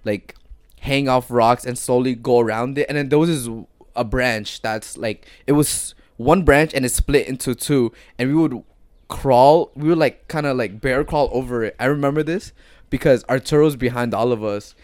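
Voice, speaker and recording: A young man co-hosting a casual podcast with friends, telling stories in a slangy, animated way. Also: medium pitch, normal speed, no echo, clean studio sound. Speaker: podcast co-host. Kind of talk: casual chat among friends.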